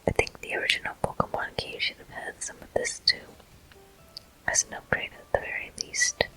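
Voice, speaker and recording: As host of a video game walkthrough, a person whispers unhurried ASMR commentary in a soft, breathy, unvoiced voice. The audio is poor.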